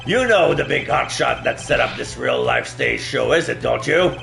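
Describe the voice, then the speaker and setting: A man's voice: mid-range voice, expressive, moderate pace, vocal fry, over music. A man playing a video game, reading its dialogue aloud and commenting as he goes.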